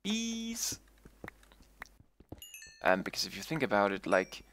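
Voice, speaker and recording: Male streamer, low gravelly voice, rambling casual game commentary. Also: fast talker, fairly bright tone, a little hiss or hum. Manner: rambling, repeats and restarts himself.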